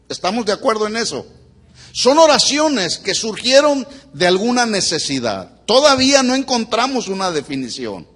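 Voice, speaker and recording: A man's voice: sits high, a bit bright. A male pastor preaching a sermon to a congregation, teaching and quizzing them with questions. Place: church before a congregation.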